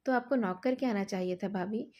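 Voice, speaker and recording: A woman narrator voicing a spoiled, fashion-obsessed young woman who talks down to others in a loud, scornful way. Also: mid-range voice, a little fast, close to an everyday voice. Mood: mocking.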